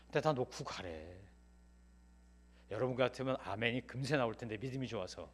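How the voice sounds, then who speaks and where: A middle-aged man preaching a Sunday sermon in a church, telling personal stories and swinging from loud pleading to hushed asides. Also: medium pitch, a little fast. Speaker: pastor. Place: church sanctuary.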